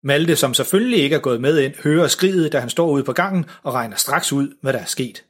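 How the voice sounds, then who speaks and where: A man narrating a children's story in an even, gentle way, with a husky voice. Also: medium pitch.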